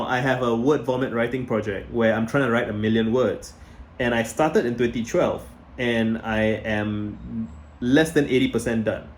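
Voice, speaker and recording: There's a little background noise behind this casual talking-head vlog, where a mid-range male voice with a Singaporean accent chats away. The blogger, in his thirties, rambles conversationally and frequently corrects himself mid-sentence.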